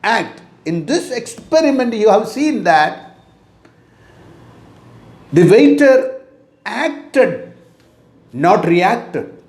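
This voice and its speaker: A middle-aged man with an Indian English accent gives a motivational talk as a teacher, his voice very high and lively. He goes slowly and deliberately, repeating his main points, and the audio echoes as though recorded in a bare room.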